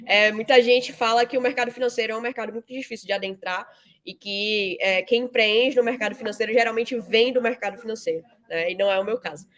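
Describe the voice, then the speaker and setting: The interview guest, a fintech founder and CEO from Salvador, Bahia, Brazil, keeps a steady tone at a quick pace, her voice a little high and fairly bright. Her answers are explanatory and conversational, with frequent "né" tags.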